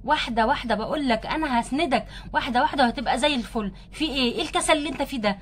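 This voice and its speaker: A woman voicing a caring, brisk young wife doll in an Egyptian Arabic accent, coaxing and a little bossy. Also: sits high, natural voice. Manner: coaxing, bossy but tender. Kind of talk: doll play acting.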